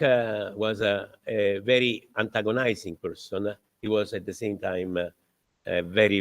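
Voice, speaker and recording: An older man gives a formal lecture introduction in a fairly low voice. He talks haltingly, with frequent filler pauses, and chuckles as he tells his stories. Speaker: professor introducing the guest lecturer.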